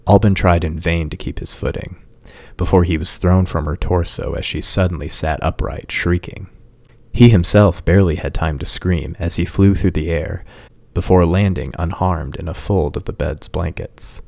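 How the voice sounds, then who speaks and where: A male storyteller with a very low voice and a gravelly edge, reading a fantasy tale in slow, measured narration. The recording is dry and close, with no room sound. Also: fairly even intonation, a little mellow, no room sound. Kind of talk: scripted narration.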